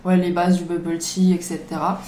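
A young adult woman from Marseille answering interview questions in a hesitant way, often pausing with "euh". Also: lowish voice, flat delivery. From Marseille, France. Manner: hesitant, lots of "euh", trailing off quietly. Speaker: podcast guest. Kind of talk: casual interview. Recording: echoey room, faint noise.

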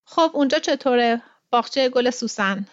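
A woman's voice: fairly high pitch, animated, no room sound, pitched above the performer's own voice, close to an everyday voice. Woman reading a shy eager rich girl, storybook, polite, hesitant, dry and a little muffled. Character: shy young girl from a wealthy family, eager to please.

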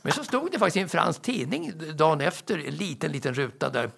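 A man's voice: a little high, gravelly. An older man, a sports commentator on a panel, telling anecdotes with lots of stammered repetitions. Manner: stammering repetitions, excitable storytelling.

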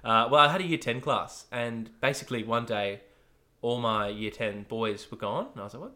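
A young Australian man in his twenties hosting a casual podcast, talking loudly and energetically and laughing often. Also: mid-range voice, steady tone, moderate pace. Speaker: podcast host.

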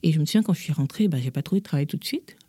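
Low warm-voiced woman telling her story. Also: very fast, husky, no echo, studio quality. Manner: lively, acts out quotes in changed voices. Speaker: interview guest. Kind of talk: personal storytelling in conversation.

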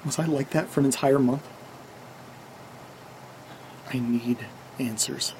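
A man's voice: mid-range voice, fairly even intonation, slow, darkish tone, lightly acted. An actor playing Nate, a rattled, anxious man caught up in a horror audio drama. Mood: troubled, bewildered. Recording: clearly noisy background ambience.

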